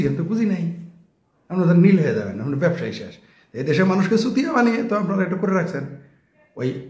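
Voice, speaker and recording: A man's voice: high voice, roomy sound. A man giving a casual, mocking political monologue full of rhetorical questions. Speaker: political commentator.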